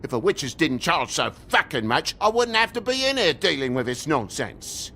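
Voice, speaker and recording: An actor voicing a grumpy, indignant talking toad with a British accent in a video game, griping and sarcastic. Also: male voice, on the high side, big pitch swings, normal speed, bright, forceful tone, slight background noise, full character voice. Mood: bitter, angry. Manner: griping, sarcastic, foul-mouthed.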